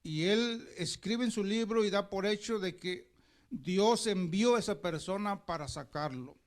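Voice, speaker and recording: High-voiced preacher telling a story. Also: male voice, unhurried. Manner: storytelling preacher who keeps addressing the congregation as brothers. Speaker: pastor. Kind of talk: sermon.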